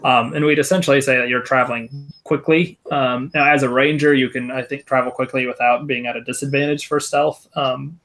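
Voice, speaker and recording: A man's voice: mid-range voice, steady tone, fairly quick, a bit bright. A young man running a tabletop game, narrating casually in a rambling, hesitant way with many fillers. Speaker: game master.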